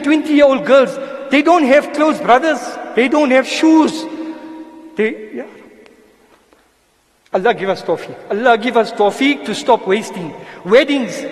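A man giving an impassioned Friday sermon, mixing in Arabic religious phrases and appealing to his congregation. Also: very high voice. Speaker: moulana giving a Friday lecture. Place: mosque hall. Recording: long echo of a mosque hall.

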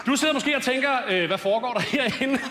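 A man's voice: extremely high pitch, crowd noise, background noise. A man hosting a comedy roast on stage, firing off mocking jokes and introducing speakers. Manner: mocking, punchline delivery. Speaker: roast host. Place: TV studio stage with audience. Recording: long hall reverb, loud audience.

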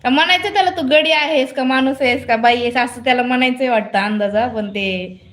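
A woman chats casually into her phone during a live stream. Her voice sits high, and she keeps things playful, laughing easily as she reads out viewers' comments. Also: brisk, a bit bright. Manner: laughs often, chatty and playful.

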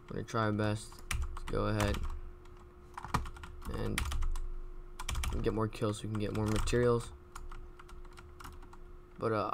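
A young man talking over his game in a casual commentary, looping the same plugs and fillers again and again. His voice sits a little low. Soft keyboard tapping and faint noise stay behind him. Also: gravelly. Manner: repetitive, fast promo patter with many fillers. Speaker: gaming YouTuber.

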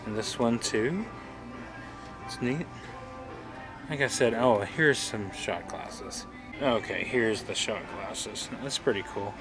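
A man's voice: on the low side, slow pace, long pauses, over music. A man talking casually while filming a walk through a gift shop, pointing things out as he goes. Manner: chatty, points things out as he films. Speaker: vlogger.

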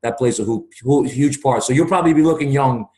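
A man's voice: mid-range voice, brisk, a little mellow. An earnest, talkative man in his forties tells his story as a guest. He speaks through a webcam from a room at home. The tone is casual conversation. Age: 40s. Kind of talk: casual video call chat. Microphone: video call webcam.

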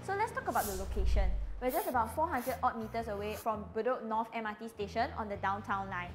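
A woman's voice: fairly high pitch, lively intonation, quick pace. A young Singaporean woman presenting a scripted property home tour to camera. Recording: light music bed behind voice.

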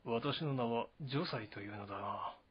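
A wary, guarded young officer, as a man reading a novel puts him on, speaking softly and low. He sits in the middle of the male range and holds his words back. The sound is dull and lo-fi. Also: normal speed, slightly rough. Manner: quiet, low and restrained.

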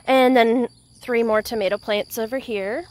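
A woman's voice: fairly high pitch, normal speed. A young woman with a Texan accent, chatting casually as she films a walk through her backyard garden on a handheld phone. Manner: chatty, easily excited, trails off mid-sentence. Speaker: home gardener giving a garden tour. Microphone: handheld phone camera, filming while walking.

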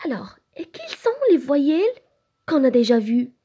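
A woman with a Moroccan French accent teaching a recorded lesson to young children, slow and sing-song, spelling letters one by one. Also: high voice, animated, warm tone, slightly rough. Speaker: preschool teacher.

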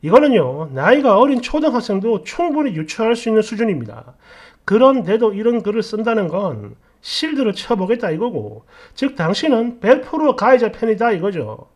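Brief: man reading stories with sharp, sarcastic asides, high and animated. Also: moderate pace. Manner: blunt, sarcastic commentary. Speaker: story narrator. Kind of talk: story reading with commentary.

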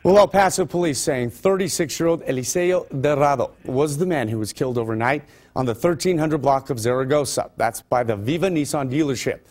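A male news anchor with a medium pitch and darkish tone reads local stories a little fast. Between scripted items, he tosses in loose, conversational ad-libs.

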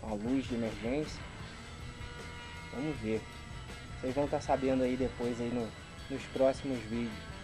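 In a low-quality recording over music, a man with a mid-range voice speaks at normal speed with fairly even intonation and long pauses. This Brazilian-accented YouTube vlogger in his thirties unboxes items in a rural garden, chatting slangily and exclaiming appreciatively to a camera a couple of meters away.

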